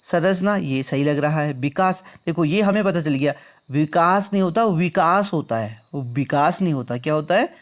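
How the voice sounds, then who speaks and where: A higher-pitched male exam prep teacher walks through quiz questions at a moderate pace, explaining the answers. He drills each answer by turning it back into a question and calls his viewers friends.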